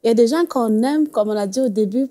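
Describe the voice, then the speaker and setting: Femme au timbre doux racontant avec ferveur. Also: female voice, fairly high pitch, fast talker, mellow. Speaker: guest. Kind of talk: faith talk show conversation.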